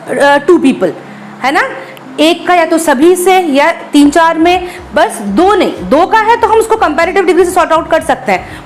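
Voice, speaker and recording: High voiced lady teacher, slow and patient, keeps going "dear students", soft music behind. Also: poor audio. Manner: mixes Hindi and English, repeats words slowly, checks with "dear students". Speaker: English teacher. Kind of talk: classroom grammar lesson.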